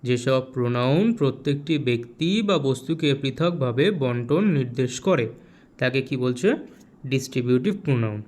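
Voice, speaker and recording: A man with a West Bengal Bengali accent teaching a grammar lesson, asking rhetorical questions and repeating key terms slowly. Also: mid-range voice, darkish tone.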